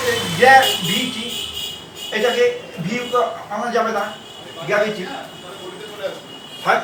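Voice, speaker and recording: A man teaching shorthand in a classroom style, pausing and repeating words as he writes out examples. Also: very high-pitched, background noise. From India. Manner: halting, repeats words while writing. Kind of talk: classroom lesson. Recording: echoey room, mic far off.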